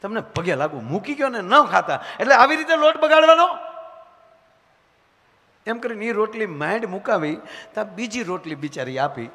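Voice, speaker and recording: A high-voiced man tells rustic comic stories as a folk comedian. He acts out the voices in his tales with animated delivery. His voice rings with a long hall reverb. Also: moderate pace. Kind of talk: live comic storytelling.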